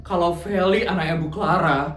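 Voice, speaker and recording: A woman's voice: on the low side, normal speed, lightly acted. A woman voicing a timid personal assistant who speaks formally and apologetically, in a roomy echo. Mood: apologetic. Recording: roomy echo, faint music.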